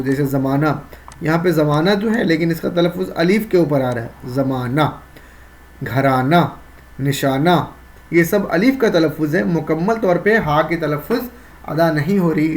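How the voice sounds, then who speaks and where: Fairly high-voiced man teaching grammar. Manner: explains step by step, repeats key terms, asks and answers his own questions. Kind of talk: exam-prep grammar lesson.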